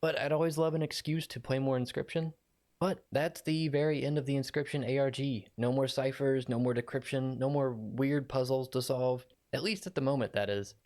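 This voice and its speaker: Man, video essay outro, friendly, a bit rambling, average pitch. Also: steady tone, normal speed, darkish tone. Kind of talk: video wrap-up narration.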